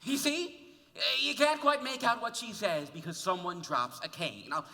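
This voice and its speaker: A man's voice: high-pitched, moderate pace, sharp tone. A man playing a wistful narrator who muses and confides to the audience, in a stage musical. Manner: chatty, musing, confiding to the audience. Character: wistful man narrating a favorite cast album. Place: school auditorium stage. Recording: roomy hall taped from far off.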